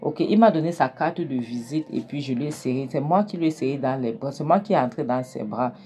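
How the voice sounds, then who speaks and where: A woman's voice: a bass voice, fairly quick, dark tone, a little hiss or hum. A woman voicing an upset young daughter pleading her innocence to her mother. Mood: insistent. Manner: pleading, emphatic denials.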